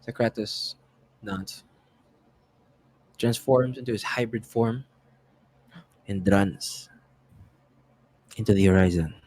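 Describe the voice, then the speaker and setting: Casual Filipino game master. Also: male voice, lowish voice, slow, pauses often, darkish tone. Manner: casual, improvising, mixes in slang. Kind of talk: narrating a tabletop game.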